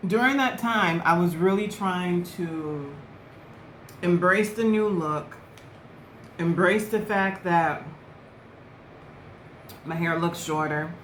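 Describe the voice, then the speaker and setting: A woman in her twenties or so chats to camera in an unhurried, easygoing way, her voice sitting a little low. The room around her rings with echo, and a faint hiss sits under her words. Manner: relaxed, chatty, eating while talking. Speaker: vlogger. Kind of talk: casual chat to camera.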